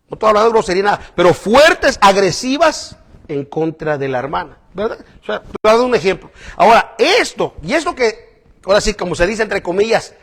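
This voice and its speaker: This high-pitched preacher keeps his sermon conversational, repeatedly asking the congregation "¿verdad?". His delivery shifts from loud emphasis to hushed asides.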